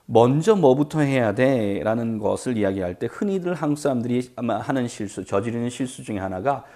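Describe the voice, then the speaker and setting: Middle-aged man, English teacher, brisk explanations, drawn-out example phrases. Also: mid-range voice, lively intonation, dark tone. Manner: drills English phrases slowly, explains quickly in Korean. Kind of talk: language lesson.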